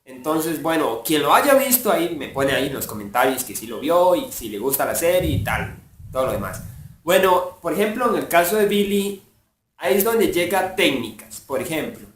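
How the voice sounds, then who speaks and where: A man's voice: a little high, sing-song, moderate pace. A man, a voice impressionist, casually explaining his imitation techniques in a rambling way, full of filler words. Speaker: voice impressionist and fandub creator. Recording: echoey room, mic far off, faint hiss.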